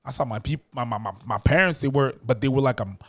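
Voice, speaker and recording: A middle-aged street dancer from Montreal, Canada, who grew up speaking French, tells stories as a guest in a casual interview. His mid-range voice moves fast on a dry recording, and he's an animated storyteller who stammers through many restarts.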